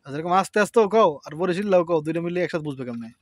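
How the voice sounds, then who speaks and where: A man chatting quickly to camera in a village garden, often giving thanks to God as he shows his crops. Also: fairly high pitch, lively intonation. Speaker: village life vlogger. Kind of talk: casual vlog chat to camera.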